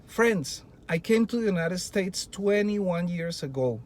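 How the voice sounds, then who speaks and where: Giving a presentation to his fellow teachers, a middle-aged native Spanish speaker from Colombia who teaches the language talks earnestly and leans on rhetorical questions. He sounds high, expressive, and unhurried, with a darkish tone and a little hiss or hum.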